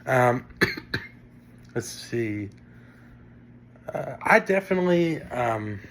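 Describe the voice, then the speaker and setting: A young man from northern Indiana with a Great Lakes Midwestern accent, giving a casual spoken class presentation full of fillers. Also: medium pitch. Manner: casual, many fillers and restarts. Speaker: student presenting a class assignment.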